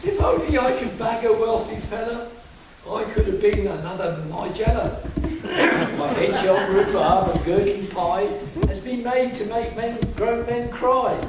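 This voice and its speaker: Heard from far off in a very echoey, noisy theatre, this is a shrill camp pantomime dame played by a man. The voice is high and hammy, a bawdy, doting village mother delivering comic rhymes. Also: unhurried. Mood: boastful, bawdy. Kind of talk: rhyming stage pantomime acting.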